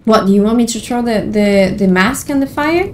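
A woman's voice: a little high, moderate pace, slight background noise. A woman streamer giving casual commentary while playing a horror game, easily startled and talking to herself. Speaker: gameplay streamer.

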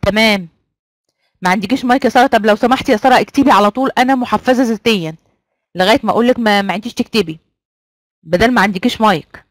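A woman's voice: mid-range voice, racing, long pauses, no echo. A woman with an Egyptian accent, teaching a live online class and coaxing students to take part by repeating prompts. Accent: Egyptian Arabic. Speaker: online trainer.

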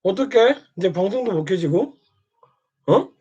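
Needling high-voiced man, scolding. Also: animated, moderate pace, a little mellow, husky. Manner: needling, keeps prodding with "eh?"; scolding, mocking. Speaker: streamer. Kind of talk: taunting monologue at another streamer. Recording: dull lo-fi sound.

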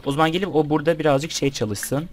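A man's voice: on the high side, steady tone, quick pace, slight background noise. A young man giving casual let's-play commentary, chatting with the game's characters and with his viewers as he plays. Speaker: gameplay commentator.

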